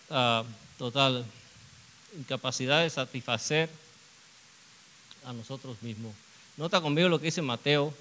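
A man's voice: mid-range voice, fairly bright tone, slight background noise, rough recording. A man preaching a sermon, earnest, asking rhetorical questions and repeating phrases for emphasis.

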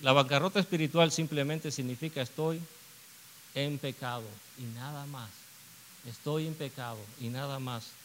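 A man's voice: medium pitch, steady tone, moderate pace, a bit bright, slight background noise, poor audio. A man preaching a sermon, earnest, asking rhetorical questions and repeating phrases for emphasis.

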